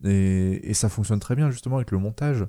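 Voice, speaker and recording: Man, low warm mellow voice, halting film-review co-host who gropes for words. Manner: hesitant, many fillers and trailing quoi. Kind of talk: casual film review chat.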